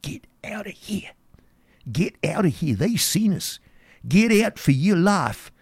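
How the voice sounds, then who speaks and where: A man's voice: high voice, big pitch swings, takes it slowly, slightly rough, no echo, clean studio sound, full character voice. A man reading aloud, voicing a terrified, rambling old man who rants in a rustic dialect. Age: older. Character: wild-eyed terrified old male drunkard. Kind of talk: dramatic reading.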